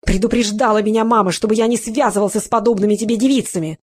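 A narrator voicing a cowardly male gang crook who sneers and shrieks in a raised, quick voice. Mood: shrieking. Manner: shrill, sneering, shrieks when cornered.

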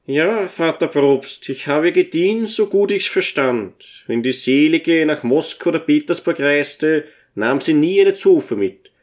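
Casting: meek, bashful little dwarf servant, high and soft, read by a male narrator. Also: expressive, unhurried, hardly any pauses. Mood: humble. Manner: timid, bashful, humble. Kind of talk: audiobook character voice.

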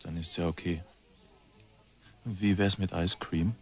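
An actor playing a quiet, plain-spoken young firefighter from Oklahoma in a radio drama. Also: male voice, low voice, fairly even intonation, slow pace. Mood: easygoing. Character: shy young male firefighter from rural Oklahoma.

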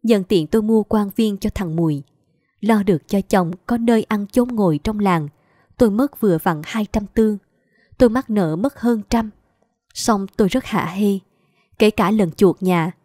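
A woman's voice: medium pitch, moderate pace, mellow, dry recording, clean studio sound. Plaintive woman telling a story. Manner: plaintive, lamenting. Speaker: audiobook narrator. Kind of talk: first-person storytelling.

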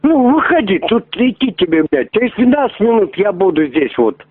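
A man's voice: high voice, very animated, normal speed, slightly rough, no room sound. A man making a crude prank phone call, pushy and rambling, swearing often as he keeps asking to meet. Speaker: prank caller. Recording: tinny phone line.

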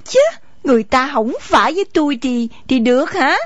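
A woman's voice: high-pitched, animated, brisk, no room sound. A woman voicing a proud, sulky young wife with a Southern Vietnamese accent, talking in a mocking, sarcastic way. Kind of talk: radio drama acting. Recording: dull lo-fi recording, faint music.

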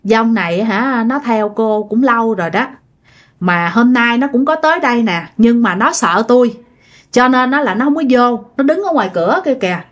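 A woman doing a calm male spirit medium. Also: fairly high pitch, moderate pace, natural voice. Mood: assured. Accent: Southern Vietnamese. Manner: assured, explanatory.

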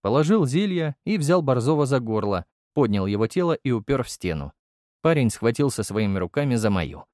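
A man's voice: mid-range voice, sing-song, brisk, darkish tone, no room sound, studio quality. A man narrating a first-person fantasy audiobook in a brusque, blunt manner.

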